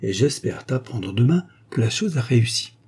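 A scheming young actress, as a male reader puts her on, coaxing and caressing in a storybook reading. The voice sits higher than his own yet stays mellow and a little husky. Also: sing-song, moderate pace.

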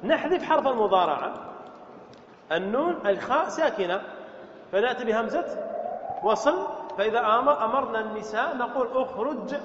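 A man's voice: very high voice, lively intonation, fairly quick, long pauses, fairly bright tone, slight background noise. A man teaching an Arabic grammar lesson as a sheikh, explaining step by step and quizzing his students with questions. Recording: echoey hall, dull lo-fi sound.

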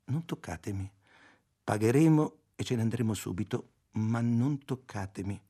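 A male reader voicing a stern young man who speaks quietly and firmly. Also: on the low side, expressive, normal speed, gravelly, slightly rough, full character voice. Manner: quiet, firm, dismissive.

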